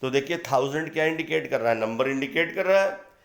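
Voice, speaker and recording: A man's voice: mid-range voice, expressive, gravelly, fairly bright tone. A man teaching English grammar from slides, explaining step by step, asking questions and answering them himself, with an Indian accent on the English example sentences. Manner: reads English example sentences slowly and deliberately. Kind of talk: slide-based grammar lesson.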